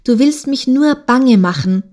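A woman voicing a gentle, timid young grey goose in an audiobook, speaking in a hurt, pleading way. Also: sits high, animated, unhurried, voice pushed up.

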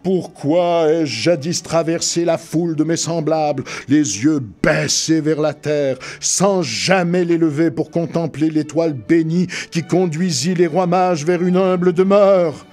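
A man's voice: a little high, steady tone, a little slow, hardly any pauses, a little mellow, soft background music, pitched above the performer's own voice, lightly acted. A man voicing an anguished, remorseful old male ghost in chains, declaiming vehemently. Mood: grave.

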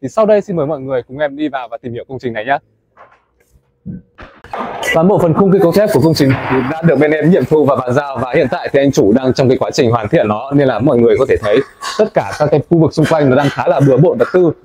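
A young man gives viewers a tour of a large wooden café still under construction, talking fast and chattily and calling them "mọi người." His mid-range voice is picked up indoors by a lapel mic, with crowd noise around him.

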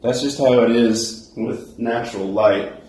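Through a handheld phone at arm's length, an American vlogger in his twenties casually tours empty apartment rooms. His medium-pitched voice is unhurried and a little mellow with fairly even intonation, and the audio is poor.

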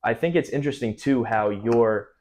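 A man's voice: mid-range voice, normal speed, a little mellow. A young man hosting a podcast interview in a small studio room, asking long, thoughtful questions. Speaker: podcast host. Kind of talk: casual interview.

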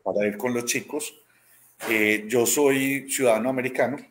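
There's slight background noise behind this mid-range, steady voice speaking at normal speed. The man, a robotics teacher in his thirties with a Medellín Colombian accent, is interviewed over video call from a small room at home, telling stories conversationally, acting out quoted dialogue, and often tagging with "¿cierto?".

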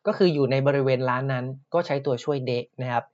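A man teaching Japanese words in a podcast lesson, explaining patiently and repeating each word slowly. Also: medium pitch, a little mellow, muffled recording.

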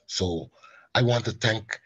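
A man's voice: on the low side, slow pace, a bit bright, husky, highs cut off. A man speaking as a caregiver, giving a heartfelt personal testimony in a webinar, his voice breaking with tears as he recalls dialogue. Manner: heartfelt, acts out quoted dialogue. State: tearful, voice breaking. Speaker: caregiver sharing his story.

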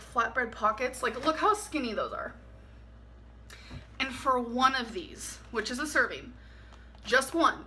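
A woman's voice: high voice, sharp tone, slight background noise. A woman in her twenties chatting casually through a grocery haul in her home kitchen late at night, tired and giggly. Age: 20s. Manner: chatty, giggly, talks while unpacking items. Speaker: vlogger.

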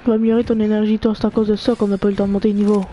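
A gamer chatting live through a game with friends, excitable, cheering teammates on and mixing in English slang and swearing. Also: mid-range voice, racing, slight background noise.

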